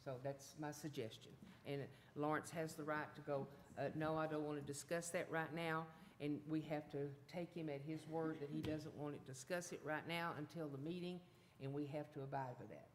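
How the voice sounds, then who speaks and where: A woman's voice: low-pitched, steady tone, normal speed, hardly any pauses, slight background noise. A woman speaking plainly and firmly in a city council meeting. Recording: long reverb in council chamber.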